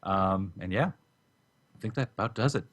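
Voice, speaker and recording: Low-voiced chatty podcast co-host. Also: male voice, unhurried, fairly bright tone. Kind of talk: casual podcast chat.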